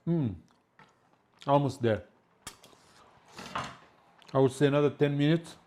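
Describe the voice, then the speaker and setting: Relaxed man talking through a recipe. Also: fairly high pitch, slight background noise. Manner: relaxed, halting, with many fillers. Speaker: home cook. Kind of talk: casual cooking demonstration.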